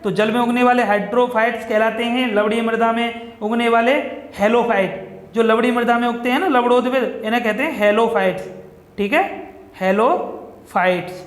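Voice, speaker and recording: Man, high-pitched, exam-prep teacher, questions and answers himself, echoey reverberant room. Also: steady tone, brisk. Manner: repeats "ठीक है दोस्तों" often, asks and answers own questions. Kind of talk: explaining quiz questions to viewers.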